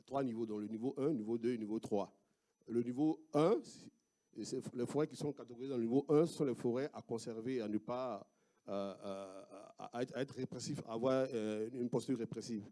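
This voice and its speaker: Ivorian guy giving an academic talk, mellow dark voice, lots of ums and restarts. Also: mid-range voice. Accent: Ivorian French. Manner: halting, many fillers and restarts. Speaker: sociologist presenting research.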